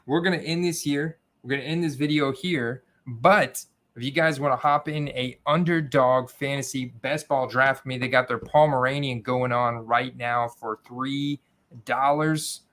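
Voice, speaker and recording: A man's voice: mid-range voice, fairly bright tone. A man hosting a livestream, chatting casually and informally with his viewers. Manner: informal, addresses viewers as guys. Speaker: livestream host.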